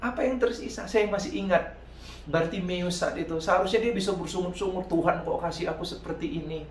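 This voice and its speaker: Male youth preacher, high voice, energetic sermon delivery, echoey hall sound. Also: fairly quick, a little hiss or hum. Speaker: youth pastor. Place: church hall.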